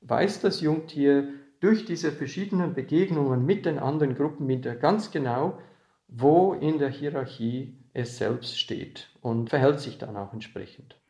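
Man, interviewed researcher, explanatory talk, creaky voice, roomy echoing sound. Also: mid-range voice, normal speed, warm tone, highs cut off. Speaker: animal researcher being interviewed.

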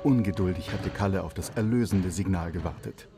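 A man narrating a children's story in an expressive, animated way. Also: low-pitched, brisk, music in the background.

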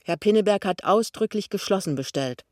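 Storybook chauffeur, polite, brisk and matter-of-fact, read by a man. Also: high-pitched, animated, darkish tone, no room sound, studio quality, pitched above the performer's own voice.

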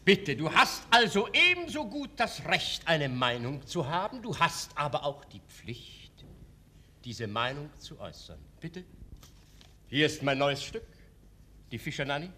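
A vain playwright in a comedy play. His voice is high and piercingly forceful, pompously declaimed with wide swings of pitch. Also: sing-song, a little slow, a little hiss or hum, heavily acted. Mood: insistent. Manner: pompous, insistent, theatrical declaiming.

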